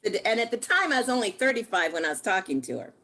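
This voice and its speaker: A woman in her sixties giving a casual, lively testimonial, laughing often. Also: mid-range voice, fast talker, rough recording. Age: 60s. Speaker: guest speaker.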